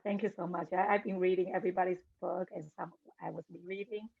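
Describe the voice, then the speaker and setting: A woman's voice: fairly low pitch, fairly even intonation, quick pace, creaky, breathy edge, no echo. A woman moderating an author panel over a video call, giving brief, thankful introductions. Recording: dry, phone-like audio.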